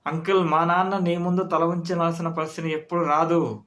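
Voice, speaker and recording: Guy doing angry teen son voice, higher and louder, sticking up for his dad in a told story. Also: little pitch movement, a little fast, natural voice. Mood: defiant. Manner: loud, earnest and protective. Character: defiant young son standing up for his father.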